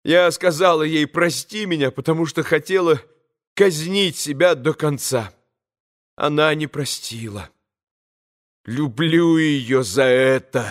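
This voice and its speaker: A man voicing a proud young woman, tormented and self-punishing, in a hushed, half-whispered voice as he reads an audiobook. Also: fairly high pitch, slow pace. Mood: curt. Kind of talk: audiobook character reading.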